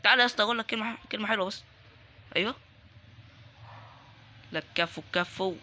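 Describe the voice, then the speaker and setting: A young man with an Egyptian Arabic accent commentating his game, excitable and joking as he taunts other players. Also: high voice, quick pace, slight background noise. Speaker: gaming YouTuber. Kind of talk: live Roblox gameplay commentary.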